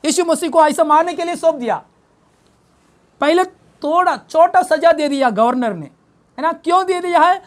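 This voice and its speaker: A pastor preaching a Good Friday sermon, questioning the congregation and repeating phrases for emphasis. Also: male voice, very high voice, normal speed, long pauses. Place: church service.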